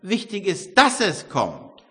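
An older man delivers a sermon in a church hall, and his voice rings with a long reverb. He speaks slowly and with lively, wide-ranging pitch. He shifts between loud, emphatic exclamations and quiet, reflective passages. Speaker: preacher.

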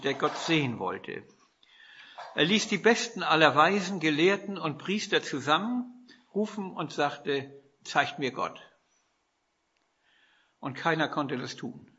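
A man's voice: fairly high pitch, sharp tone, dull audio, a little hiss or hum. A man from northern Germany preaching a sermon, telling stories with rhetorical questions and quoted dialogue.

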